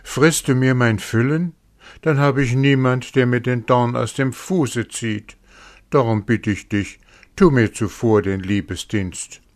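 A man voicing a cunning horse who flatters and pleads in a storybook reading. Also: mid-range voice, unhurried, voice pushed up, natural voice. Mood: pleading. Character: cunning male horse, feigning hurt.

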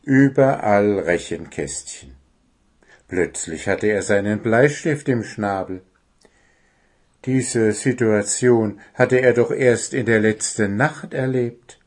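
A man narrating a children's storybook in a calm, gentle reading voice. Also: on the low side, slow pace.

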